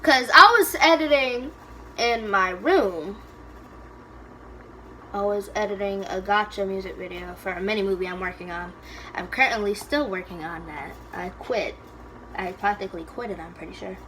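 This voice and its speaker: Bright-voiced young woman vlogger. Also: medium pitch, normal speed, slight background noise, low-quality recording. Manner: rambling, self-correcting storytelling. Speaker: cooking vlogger. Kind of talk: casual chat while cooking.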